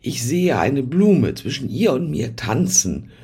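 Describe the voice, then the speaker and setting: A man giving a reflective philosophical talk, musing aloud with pauses and soft asides. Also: medium pitch, very animated, breathy edge. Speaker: speaker.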